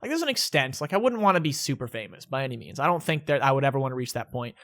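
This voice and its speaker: Very fast and very animated, this young man speaks at a medium pitch with a fairly bright tone. He's answering viewer questions in a relaxed vlog from home, rambling, self-correcting and frequently starting his sentences over.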